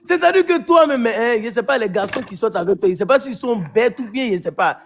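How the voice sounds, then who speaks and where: A man's voice: very high-pitched, expressive, fairly quick, creaky, a little hiss or hum. A man in a heated live-stream argument, pleading to be heard and trading insults.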